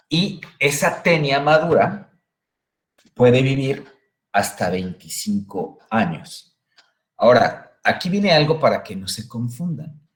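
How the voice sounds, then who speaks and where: A man giving a recorded lecture, explaining step by step and often checking in with the class. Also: mid-range voice. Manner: explanatory, checks in with frequent "¿bien?".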